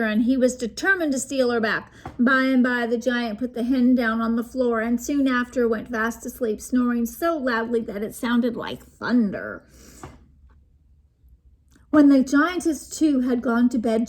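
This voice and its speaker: A woman reading a storybook aloud to children, lively and inviting them to join in. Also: on the high side.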